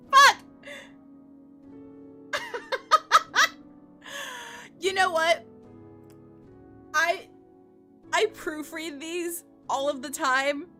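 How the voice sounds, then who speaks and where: A woman streaming a game, chatting excitedly with her audience, swearing, laughing and stumbling over repeated words, with faint game music behind. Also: very high-pitched, slow, pauses often. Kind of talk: casual live-stream chat.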